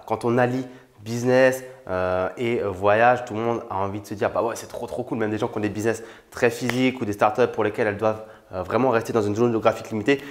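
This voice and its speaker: A young man from France talking casually to the camera as a YouTuber, informal and familiar with the viewer, with frequent fillers. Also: mid-range voice. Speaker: YouTuber on money and online business. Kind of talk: casual direct-to-camera talk.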